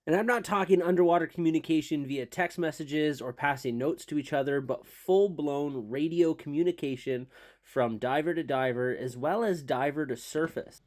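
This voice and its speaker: A man's voice: a little high, a little mellow. A man hosting a product unboxing, explaining gear directly to viewers in a presenter's style. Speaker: host of a diving gear review channel.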